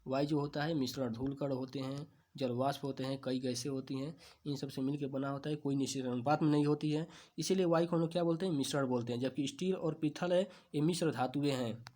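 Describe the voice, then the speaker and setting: A man teaching exam questions, asking each answer back as a question and then repeating it, stretching key terms slowly. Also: mid-range voice, steady tone, dark tone. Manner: slow, drawn-out stresses on key terms. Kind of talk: quiz-answer lesson.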